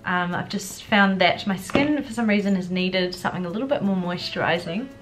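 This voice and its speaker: In a noisy recording, a young adult woman's fairly low, expressive voice runs a little fast as she chats through a makeup tutorial. This beauty vlogger is sick with a congested cold and sounds slightly subdued, filming in her furnished living room with background music.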